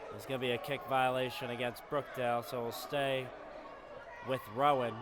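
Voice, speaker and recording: A man calling live college basketball play-by-play from an arena skybox, breaking into shouts on big plays. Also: medium pitch, level tone, moderate pace, a crowd in the background. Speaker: play-by-play commentator. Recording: noisy arena broadcast.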